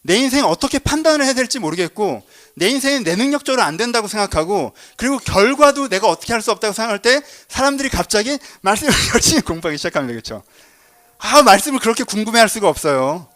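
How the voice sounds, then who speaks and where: A man's voice: sits high, sing-song, quick pace, a bit bright. A male pastor giving a conversational sermon in a church, asking the congregation questions and joking with them.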